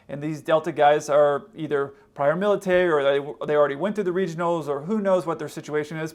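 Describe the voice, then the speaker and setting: A man hosting a casual explanatory commentary, conversational and acting out hypothetical quotes as he goes. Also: fairly high pitch. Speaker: host, pilot commentator.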